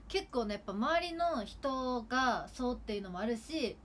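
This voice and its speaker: This idol livestreamer, a Kagawa woman in her twenties, chats at home with her sister on a casual stream, rambling in the local dialect and dropping frequent fillers. She speaks at a moderate pace in a fairly high, somewhat bright voice with lively intonation, over a faint hiss or hum.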